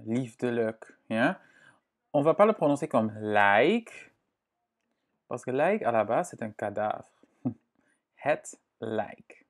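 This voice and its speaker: Slow, patient male language teacher. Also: mid-range voice. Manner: slow, patient, with many fillers and checks like "hein?" and "ok?"; repeats words slowly and carefully to model pronunciation. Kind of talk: online language lesson.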